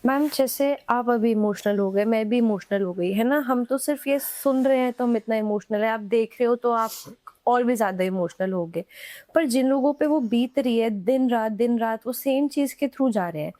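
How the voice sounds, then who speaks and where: Podcast host, woman; soft, dark-toned, dry close sound, empathetic interviewer. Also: a little high, normal speed, no echo. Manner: gentle, empathetic questioning. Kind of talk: interview questions.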